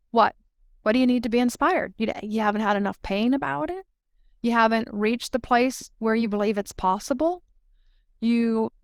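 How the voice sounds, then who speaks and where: A woman's voice: on the high side, dry recording, studio quality. A woman channeling a spirit collective, giving emphatic spiritual guidance with frequent "right?" check-ins. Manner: emphatic, peppered with "right?" tags.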